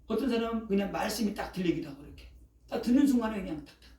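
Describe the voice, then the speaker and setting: A pastor in his sixties gives a casual, colloquial sermon in a church sanctuary, his mid-range voice animated, rapid-fire and warm. He keeps checking in with the congregation, tossing a questioning "eh?" after each phrase and reaching for vivid sound words. The recording has a roomy echo, with the voice picked up from a distance.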